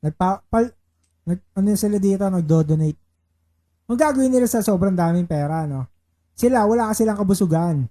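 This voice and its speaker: A man chatting casually on a live stream as he plays baccarat, reading out viewer shoutouts and chanting his betting calls. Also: high-pitched, animated, fairly quick. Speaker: livestreaming baccarat player.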